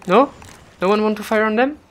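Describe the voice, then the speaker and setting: A let's play gamer commenting casually on gameplay, excitable and joking, with yelps and non-native English phrasing. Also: medium pitch, noisy background. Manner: excitable, yelps and laughs, jokey asides. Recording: game music and gunfire under the voice.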